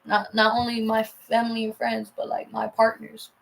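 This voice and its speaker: A woman's voice: a little high, monotone, normal speed, creaky, a little hiss or hum, poor audio. A young woman casually telling a personal story on a vlog, heated and profane, rambling with lots of fillers and restarts.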